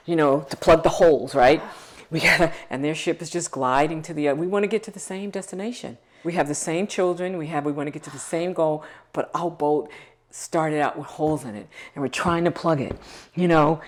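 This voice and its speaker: A middle-aged woman, a nonprofit founder, speaking earnestly and emphatically in a documentary interview. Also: low voice.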